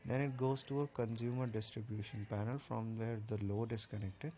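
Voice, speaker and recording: Speaking at a moderate pace in a dark, steady, medium-pitched voice, a man walks through a rooftop solar installation. He casually breaks down each part step by step, with an occasional filler, in a technical walkthrough that carries a slight hiss or hum.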